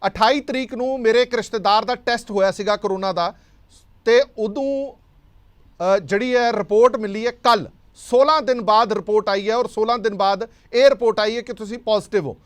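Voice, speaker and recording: A man's voice: sits high, normal speed. A man anchoring a heated television panel debate, pressing guests and cutting in to keep time. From Punjab.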